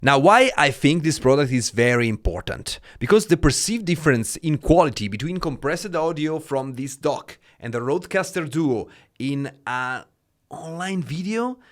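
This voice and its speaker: A man with an Italian accent gives a relaxed product review at a mid-range pitch. He talks in a chatty way, sprinkling in "uh" and "like" as he goes. His voice comes through a close dynamic studio mic. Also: normal speed. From Italy. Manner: chatty, many fillers like "uh" and "like". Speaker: tech reviewer. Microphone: dynamic studio mic through an audio dock.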